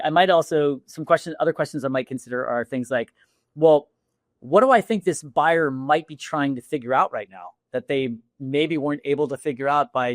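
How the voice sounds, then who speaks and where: A man on a podcast talking about selling in casual, animated speech, often restarting sentences and acting out sample lines. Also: on the high side, dry recording, clean studio sound. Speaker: podcast guest, sales executive. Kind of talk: casual interview talk.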